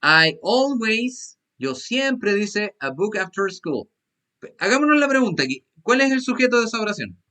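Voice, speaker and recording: A man's voice: high-pitched, very animated, normal speed, pushed and bright. A male English teacher, explaining grammar rules step by step and often checking in with "¿ya?". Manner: checks in with "¿ya?" after each point. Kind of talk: online class explanation in Spanish.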